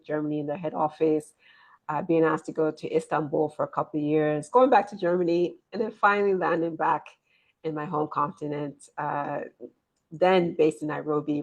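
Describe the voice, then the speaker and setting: A woman's voice: low-pitched, gravelly, a little mellow, dull audio. A woman in her forties, born in Nigeria and raised in the US, talking earnestly as an interview guest and often repeating words. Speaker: guest, business consultant. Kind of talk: interview conversation.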